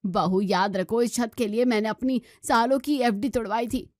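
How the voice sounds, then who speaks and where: A woman voicing a scolding middle-aged mother-in-law who nags in a shrill voice. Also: fairly even intonation, moderate pace, a little mellow, dry recording, studio quality, natural voice. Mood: irritated. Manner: shrill, nagging complaints.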